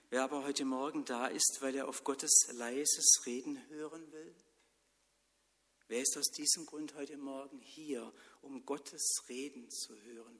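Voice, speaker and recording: A man preaching a sermon in church, telling stories and swinging between loud lines and whispers. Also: a little high. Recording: long church reverb.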